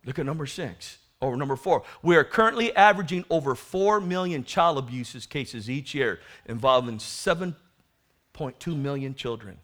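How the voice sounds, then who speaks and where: A man's voice: medium pitch, animated, normal speed, fairly bright tone. A man with an American accent preaching a fiery sermon in an urgent, admonishing, prophetic manner, pressing listeners with rhetorical questions and calls for amens. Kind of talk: fiery sermon calling for repentance.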